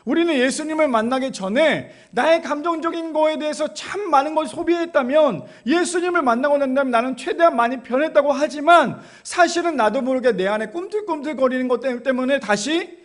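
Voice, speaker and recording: A man delivers a sermon in a church with an unusually high voice. He speaks in a chatty, easygoing way and keeps putting rhetorical questions to his listeners. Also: a little fast, few pauses. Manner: conversational, asks the congregation rhetorical questions. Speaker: pastor.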